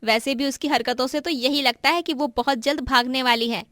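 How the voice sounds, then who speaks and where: A woman voicing a quarrelsome young daughter-in-law in a cartoon story, who speaks in a sharp, taunting way. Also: high voice, steady tone, a little fast, no echo, studio quality.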